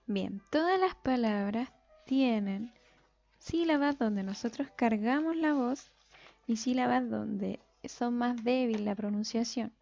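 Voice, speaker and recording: A woman teacher giving a recorded lesson, explaining step by step in a patient way and slowly stretching out example words. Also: fairly high pitch, vocal fry, mellow. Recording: dull lo-fi sound with faint music.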